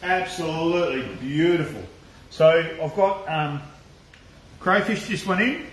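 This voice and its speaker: A man's voice: a little high, lively intonation, a little slow, a bit bright, a little hiss or hum. An Australian man hosting a casual live cooking stream, chatting loosely to viewers, swearing freely and laughing often, in a home kitchen. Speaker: cooking channel host. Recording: echoey room.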